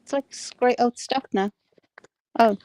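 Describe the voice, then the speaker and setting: A woman's voice: fairly high pitch, a little slow, dark tone, slight background noise. A woman with an Irish accent chatting casually in an online voice chat, laughing often and telling funny stories with plenty of swearing. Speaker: panel member.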